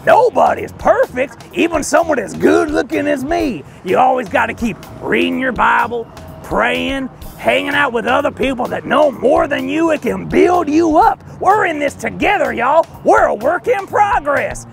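A man playing a boisterous, boastful, folksy Southern trucker who hosts a children's Bible show with loud, exaggerated delivery. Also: extremely high pitch, expressive, normal speed, vocal fry, soft background music, heavily acted. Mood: jovial, boastful. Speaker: kids show host.

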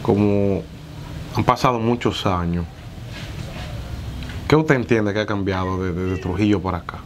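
A man's voice: on the low side, normal speed. A young man with a Dominican Spanish accent, hosting a conversational interview and putting questions to his guest. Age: young adult. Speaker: interviewer and show host. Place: outdoors against a house wall. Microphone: lapel mic. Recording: clear outdoor ambient and traffic noise.

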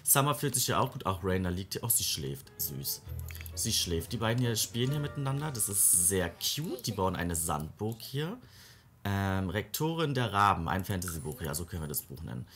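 A man's voice: low-pitched, sing-song, moderate pace, a bit bright, soft background music. A man giving casual let's-play commentary, chatting fondly to his game characters in a cooing, baby-talk way. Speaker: gaming let's-play creator.

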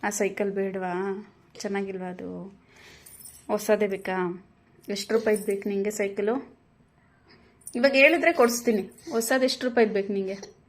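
A young woman filming a casual home video, softly coaxing and soothing a crying child with repeated gentle questions. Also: mid-range voice, steady tone, normal speed, pauses often. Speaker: parent filming her child.

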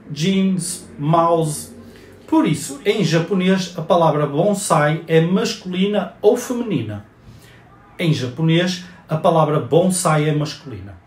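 A man's voice: fairly high pitch, a little mellow. Male host, casual lesson delivery, talks you through it step by step, echoey room. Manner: chatty, explains step by step. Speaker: bonsai channel host. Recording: roomy echoey recording.

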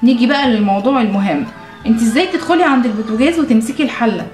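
An Egyptian woman plays a mother who scolds firmly but tenderly, talking at a breakneck pace. Her voice is high. The echoey room carries faint music. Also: racing, darkish tone. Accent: Egyptian Arabic. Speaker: mother in a family skit. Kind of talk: scripted family sketch.

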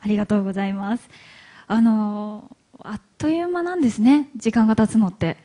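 A woman from Hiroshima hosting a live stage interview, chatty and quick to laugh, with plenty of fillers. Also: mid-range voice, warm tone. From Hiroshima, Japan. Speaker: event MC and interviewer. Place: event hall stage.

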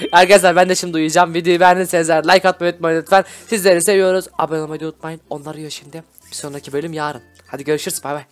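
A young man giving excitable, shouty gameplay commentary as a video host. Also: fairly high pitch, racing. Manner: excitable, shouty, constantly reacting. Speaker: gaming YouTuber host. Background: background music.

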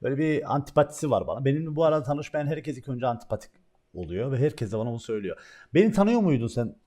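A young man streaming, telling a story in casual chat, animated and full of swearing, jumping between loud outbursts and quiet asides. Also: mid-range voice, rapid-fire.

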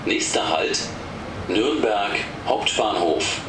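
Inside a commuter train carriage, a man with a lowish, animated voice reads scripted station announcements over the intercom in short, formal, measured phrases. The recorder sits far from the loudspeaker, so the sound is echoey and distant under loud train noise.

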